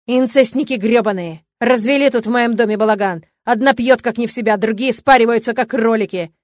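A woman's voice: a little high, quick pace, no room sound, clean studio sound, close to an everyday voice. A woman voicing a bullying, sneering rich father. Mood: raging. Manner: shouting, sneering insults. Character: rich bullying middle-aged father, cruel, contemptuous.

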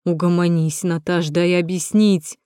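A woman's voice: on the low side, fairly even intonation, measured pace, warm tone, clear, resonant tone, dry recording, studio quality, lightly acted. A woman voicing a young man who bluntly argues back at his girlfriend in an audiobook. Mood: exasperated.

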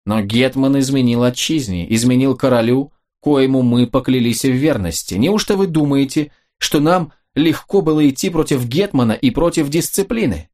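A man's voice: medium pitch, expressive, normal speed, hardly any pauses, a little mellow, natural voice. Male reader voicing a proud nobleman officer, urgent and reproachful, audiobook role. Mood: earnest.

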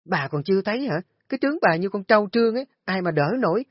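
A man voicing a spiteful, sharp-tongued young daughter-in-law in an audio story, shrill and mocking. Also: animated, normal speed, breathy edge, no room sound. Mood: scornful shouting. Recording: dull lo-fi audio with faint music.

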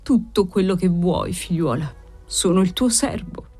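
A woman's voice: lowish voice, animated, measured pace, husky, faint music behind. A woman reading aloud who voices a guilt-broken nobleman in his sixties, timid and pleading. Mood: humble. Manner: timid, broken, soft-spoken.

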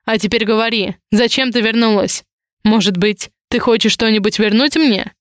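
A woman's voice: a little high, moderate pace, dry recording, clean studio sound, natural voice. A woman reading the lines of a stern, haughty male duke in a cold, commanding manner, in a story.

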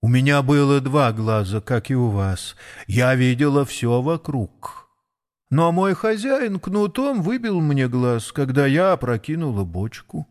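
A man voicing an old, half-blind water-cart mare who speaks softly and haltingly in a storybook. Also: mid-range voice, animated, lightly acted. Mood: sad. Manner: soft, shy, halting, mumbling. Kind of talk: audiobook character voice.

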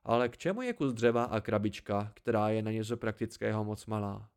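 A man's voice: on the low side, darkish tone, clear, resonant tone, lightly acted. A man voicing an eager, impatient young man in an amateur audiobook reading, asking plain questions.

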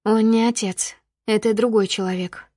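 A woman narrating a first-person audiobook with steady storytelling that rises with emotion in dialogue. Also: a little high, normal speed, slightly rough, no echo, studio quality.

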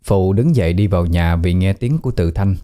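A man narrating a ghost story in a calm, even audiobook reading. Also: sits low, brisk. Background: faint background music.

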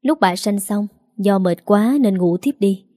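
A woman narrates a sad family tale in a gentle, steady way. Her voice is mellow and warm, and the recording is dry and close. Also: medium pitch, measured pace, dry recording. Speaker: story narrator. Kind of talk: scripted narration.

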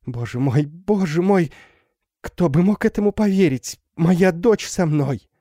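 A man's voice: on the high side, expressive, a little slow, warm tone, dry recording, clean studio sound, pitched above the performer's own voice. A man voicing a half-mad older woman, a recluse mother, who talks wildly and tearfully in an audiobook. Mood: overjoyed. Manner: wild, tearful, swinging between joy and terror. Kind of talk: audiobook character voice.

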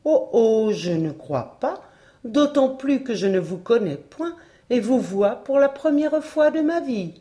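A woman reading aloud plays a poor young shepherd in a folk tale, frightened but stubborn as he turns down an unwanted bride. He sounds earnest and protesting, in a soft, mellow storybook voice. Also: on the high side, lively intonation, measured pace.

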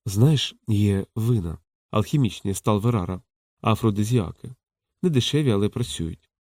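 A man reading a calm, knowing courtesan in a soft, low and hushed voice. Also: normal speed, no room sound, clean studio sound. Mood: teasing. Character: frank, teasing courtesan woman, calm and knowing.

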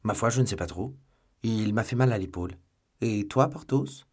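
A man voicing a dignified, wounded musketeer in an audiobook, speaking calmly and quietly with courtly restraint. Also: on the low side, normal speed, breathy edge.

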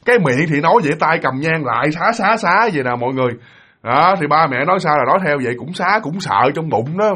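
A man's voice: a little high, fairly bright tone, slightly rough. A man with a Southern Vietnamese accent who tells a ghost story to his audience in a vivid, dramatic way.

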